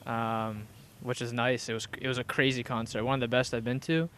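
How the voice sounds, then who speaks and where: A man from Maryland, a soccer player, giving short, low-key answers in an outdoor interview. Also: level tone, a little fast, fairly bright tone, clear, resonant tone. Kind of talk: casual interview chat. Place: outdoors by a river.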